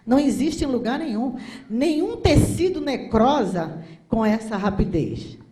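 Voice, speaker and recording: A woman's voice: fairly high pitch, expressive, measured pace, dark tone. Impassioned older woman lecturing in a hall. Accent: Brazilian Portuguese. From Brazil. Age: 60s. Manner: impassioned, rhetorical, emphatic. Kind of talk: conference talk. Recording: echoey hall recording.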